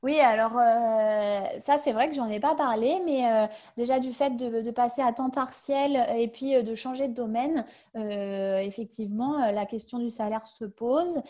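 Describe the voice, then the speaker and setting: A woman speaking on a video call in a webinar, answering questions casually. Her voice sits fairly high but sounds mellow and warm. She hesitates a lot and restarts her sentences. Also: moderate pace. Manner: hesitant, many fillers and restarts. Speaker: webinar guest sharing her career change.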